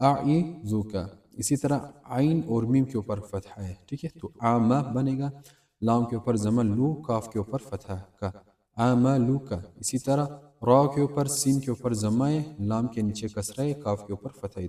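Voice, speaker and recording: A man's voice: mid-range voice, warm tone, distant mic. A man teaching a Quran reading lesson step by step, patiently asking and answering his own questions.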